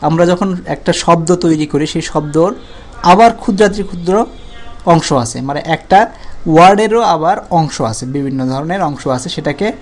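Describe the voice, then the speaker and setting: A man teaching a grammar lesson, drawing words out slowly to break them into syllables, with frequent pauses and restarts. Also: on the high side. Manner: repeats and stretches words slowly to show syllables.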